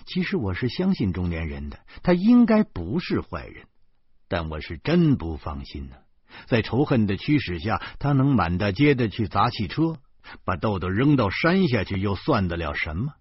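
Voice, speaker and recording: A man with a Beijing accent reading a novel aloud in expressive, wry first-person narration. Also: fairly low pitch, normal speed, husky, dry recording. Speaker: audiobook narrator. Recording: dull lo-fi recording.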